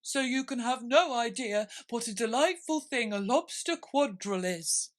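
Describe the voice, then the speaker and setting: A woman acts out a sorrowful male turtle creature from a storybook, pitched high. He is solemn and wistful, yet readily swells into excitable exclamation. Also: normal speed, close to an everyday voice.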